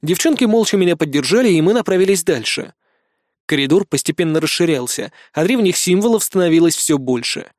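A storyteller with a mid-pitched voice and a wry edge. Recorded close and dry, with no room sound around it. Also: expressive, a little fast, no room sound. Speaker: audiobook reader. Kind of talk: first-person fiction narration.

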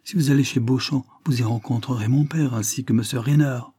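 A man's voice: medium pitch, fairly even intonation, brisk, mellow, husky, pitched above the performer's own voice, close to an everyday voice. A man reading as an emotional young woman. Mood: earnest.

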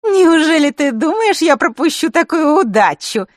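A woman voices a sly, mocking teenage girl for an audiobook, pitching her high voice above her natural one with big pitch swings and a sing-song, taunting delivery. She speaks at a moderate pace, and the studio sound is clean with no echo.

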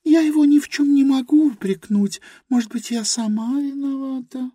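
A woman voicing a timid, childlike young girl in an audiobook, with a soft, plaintive and pleading manner. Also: sits high, moderate pace, no room sound, studio quality, natural voice. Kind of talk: audiobook character reading.

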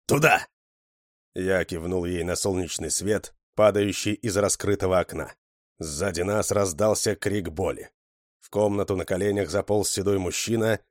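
A man narrating a story in steady, scripted audiobook style. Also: lowish voice, no room sound, clean studio sound.

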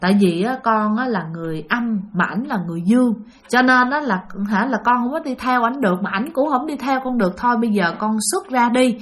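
A woman narrator putting on an old grandmother who speaks slow and low, patiently coaxing. The accent is Southern Vietnamese, the tone calm and pleading. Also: natural voice.

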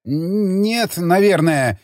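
Brief: male narrator as cowering hungover soldier, stuttering and whimpering, higher voice, dry mic. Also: animated, slow, a little mellow, no room sound. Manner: stammering, whimpering, meek. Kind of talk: audiobook character reading.

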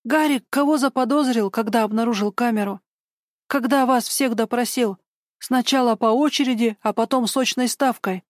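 A woman's voice: fairly high pitch, normal speed, no echo, clean studio sound, pitched above the performer's own voice, close to an everyday voice. A woman voicing an anxious, protective older man who speaks with urgent, indignant questions. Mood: probing.

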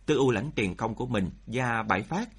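A man narrates a tale with a slightly husky, breathy tone. His pitch moves widely as he speeds through tense moments and slows for weight. The delivery is expressive storytelling. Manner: expressive, shifting pace for drama.

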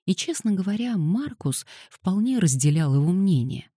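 Brief: woman audiobook narrator, deep-set and warm in tone, even wry delivery. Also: moderate pace, no echo, studio quality.

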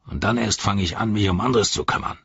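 A man voicing a gruff, bossy male orc captain who barks out orders in an audiobook reading. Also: on the low side, quick pace, fairly bright tone, no room sound, dull audio, exaggerated voice. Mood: barking. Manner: barking, commanding tone.

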